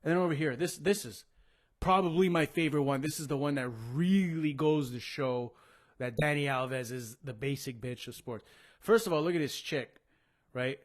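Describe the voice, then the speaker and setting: A male sports show host with a fairly high voice, ranting and swearing as he mocks athletes. His delivery is casual, crude and full of sarcasm. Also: normal speed. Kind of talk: casual live sports rant.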